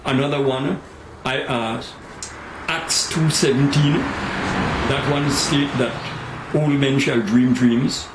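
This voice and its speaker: A very old man in his nineties with a Tobagonian accent, telling his life story in an interview in deliberate, earnest phrases with pauses. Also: mid-range voice, steady tone. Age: 90s. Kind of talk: oral history storytelling with scripture quotes. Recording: echoey room with faint background noise.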